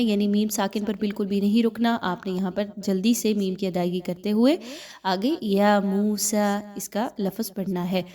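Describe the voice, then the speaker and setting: A woman teaching a Quran recitation lesson, patiently explaining each letter's rules and reciting phrases slowly. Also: medium pitch, warm tone. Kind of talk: tajweed lesson with slow chanted recitation.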